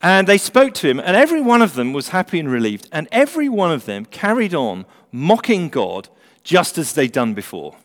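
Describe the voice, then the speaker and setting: A man's voice: on the high side, wildly swooping pitch, normal speed. A man preaching an evangelistic sermon, earnest and urgent, with rhetorical questions and repeated phrases. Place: large church or hall, preaching live. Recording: echoey hall with long reverb.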